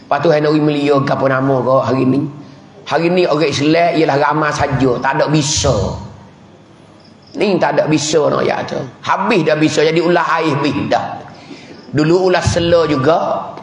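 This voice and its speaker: A man's voice: fairly high pitch, slight background noise. A man with a Patani Malay accent, a religious teacher giving a village mosque sermon, telling stories with chuckles and chanting prayers. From southern Thailand. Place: mosque hall. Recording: echoey hall from a distance.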